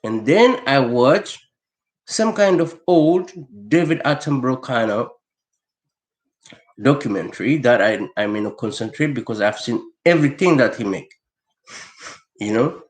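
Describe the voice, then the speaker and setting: A man's voice: medium pitch, animated, measured pace, pauses often. Ranting man in an echoey room. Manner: rambling, profane, heated, repeats words while searching for them. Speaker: vlogger. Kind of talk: unscripted monologue rant.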